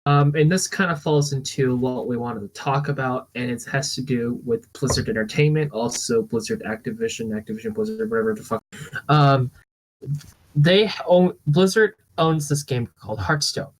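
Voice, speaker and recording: A man hosting a casual podcast, explaining things in a halting, rambling way. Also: medium pitch, low-quality recording. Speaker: podcast host.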